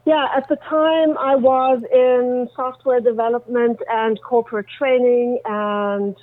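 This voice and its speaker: A woman, a guest telling her story in a thoughtful, measured way. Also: on the high side, fairly even intonation, dry recording. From South Africa. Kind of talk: conversational interview answers. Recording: dry, phone-like remote line.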